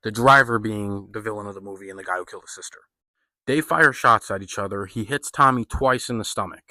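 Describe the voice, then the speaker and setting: A man talks through a film review in a relaxed, profane way, leaning on slang and filler words. His voice is bright and forceful, and the recording is close and dry, with no room sound. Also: fairly low pitch, brisk, no room sound. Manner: loose and profane, heavy on "like" and slang. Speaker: movie reviewer. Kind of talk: casual spoken film review.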